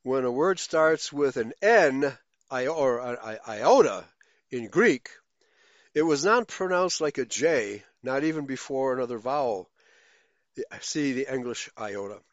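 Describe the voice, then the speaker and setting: A man's voice: mid-range voice, animated, measured pace, no echo, lo-fi sound. A man reading out forum comments and adding his own remarks, thinking aloud as he goes. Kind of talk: casual read-aloud commentary.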